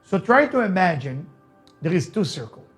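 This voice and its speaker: Soft music plays behind a man whose high voice swings widely in pitch at a moderate pace. He is a rabbi, teacher and motivational speaker, a native Hebrew speaker with an Israeli accent, giving an emphatic lecture that repeats key phrases and asks rhetorical questions.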